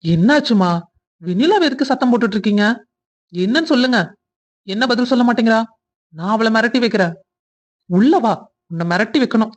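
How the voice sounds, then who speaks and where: Brief: mid-pitched cartoon husband with a Kongu Tamil accent, protective and pleading, acted by one performer. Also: animated, fairly quick, long pauses, close to an everyday voice. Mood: concerned. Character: earnest young husband, defending his wife. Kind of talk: cartoon family drama voice acting.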